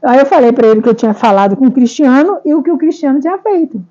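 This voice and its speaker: Brazilian woman, high mellow voice, emotional testimony full of repetitions and tag questions, muffled lo-fi sound. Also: quick pace. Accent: Brazilian Portuguese. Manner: rambling, repeats herself, frequent tag questions. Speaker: speaker sharing a personal testimony. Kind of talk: emotional first-person testimony.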